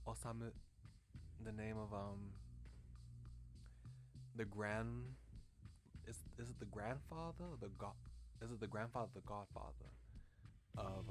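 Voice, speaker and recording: A man streaming a visual novel, reading it aloud and chatting, laughing often and trailing off. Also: lowish voice. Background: game music.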